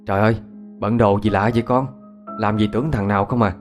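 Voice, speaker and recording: A man's voice: fairly low pitch, fairly even intonation, fast talker, soft background music, lightly acted. A man with a Southern Vietnamese accent voicing a fussy middle-aged aunt who scolds and exclaims, in a spoken ghost story. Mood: scolding.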